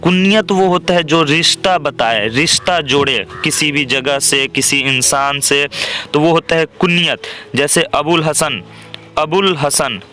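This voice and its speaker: A man's voice: fairly high pitch, measured pace, bright, forceful tone, faint music behind. A young man teaching an exam-prep grammar lesson, explaining step by step and often checking in with "theek hai".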